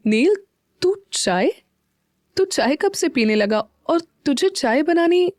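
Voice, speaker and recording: A woman voicing a spoiled, hot-tempered young woman, with a shrill, indignant delivery. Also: lively intonation, moderate pace, a little mellow, no room sound, studio quality. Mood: astonished.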